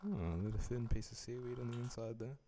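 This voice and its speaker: A young man giving relaxed, dryly joking voice-over commentary as he rates food. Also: mid-range voice, fast talker, slight background noise. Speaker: vlogger rating food.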